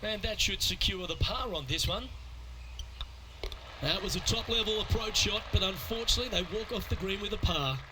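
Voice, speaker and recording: A man working as the lead golf commentator in a sports video game, calling play in a measured, composed broadcast style. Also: sits high, noisy background, close to an everyday voice. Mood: composed, approving.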